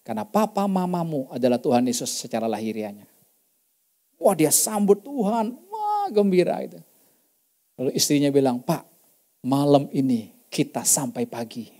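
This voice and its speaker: Mellow-voiced man preaching emphatically. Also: sits high, very animated, brisk. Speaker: pastor. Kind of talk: sermon with testimony stories. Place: church service.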